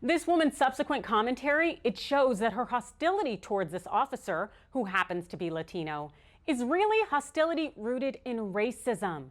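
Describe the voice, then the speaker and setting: Female American host for opinion news, slightly high voice, very animated intonation, emphatic and sardonic. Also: moderate pace. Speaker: online news show host. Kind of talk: scripted opinion commentary.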